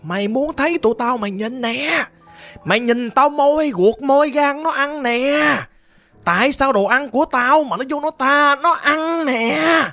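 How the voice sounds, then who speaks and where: A woman with a Southern Vietnamese accent voicing a hungry, cursing bamboo-pole spirit, drawing out slow, snarling threats in a raised voice. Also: sits high, a bit bright, dry recording, soft background music, pitched above the performer's own voice.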